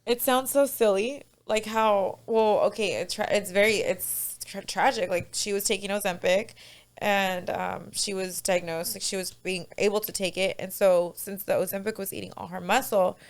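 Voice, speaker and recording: A woman's voice: mid-range voice, fairly even intonation, moderate pace, creaky. A woman personal trainer as a podcast guest, chatting casually with frequent fillers and giggles.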